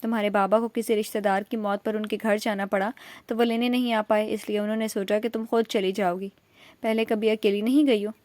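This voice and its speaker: A woman's voice: mid-range voice, flat delivery, no room sound, close to an everyday voice. A woman voicing a young man who teases and reassures a frightened girl, in a storybook reading. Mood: teasing protective. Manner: mocking, soft-spoken. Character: teasing protective young man, mocking then tender.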